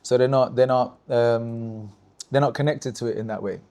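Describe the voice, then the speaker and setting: A man's voice: mid-range voice, normal speed. A man, a breakdancer, tells stories from his battling days in a casual interview, full of restarts and "you know", sometimes acting out his own lines. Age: adult, looking back on youth. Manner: animated storytelling, many restarts and "you know". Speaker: guest, breakdancer.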